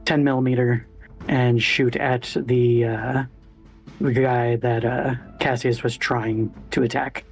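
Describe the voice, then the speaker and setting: Hesitant male game player, medium pitch. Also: little pitch movement, slow. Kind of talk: casual game chat. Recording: faint music behind the voice. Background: music.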